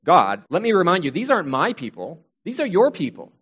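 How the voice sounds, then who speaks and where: A man's voice: high voice, wildly swooping pitch, a little fast, a bit bright, breathy edge, full character voice. A man voicing Moses as he pleads with God in an earnest, exasperated way. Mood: pleading.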